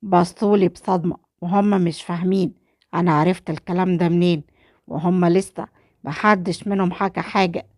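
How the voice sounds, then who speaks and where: Woman storyteller, Egyptian accent, low voice, dry close sound, steady scripted narration. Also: fairly quick, no room sound. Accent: Egyptian Arabic.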